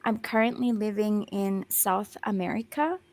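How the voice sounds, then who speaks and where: Over a video call, a patient, encouraging young Australian woman tutors a student in English one-on-one. Her mid-range voice is a little mellow, and she slows down, rephrases frequently and says um a lot.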